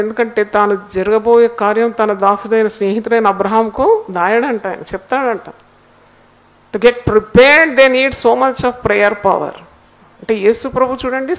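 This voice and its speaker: Impassioned Telugu preacher woman. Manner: impassioned, swings between loud exhortation and hushed lows; asks the congregation rhetorical questions. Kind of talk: sermon.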